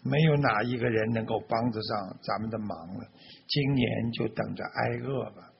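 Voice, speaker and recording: A man's voice: medium pitch, animated, unhurried, creaky, slightly rough, exaggerated voice. A man playing an anxious old farmer who exclaims and laments with long sighs, in a spoken story. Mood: despairing. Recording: dull lo-fi recording.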